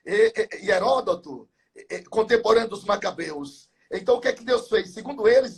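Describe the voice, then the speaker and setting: In a live talk, a man in his seventies who is a pastor fervently recounts Bible stories, stacking numbers and wordplay. His voice is very high-pitched and creaky, with a breathy edge.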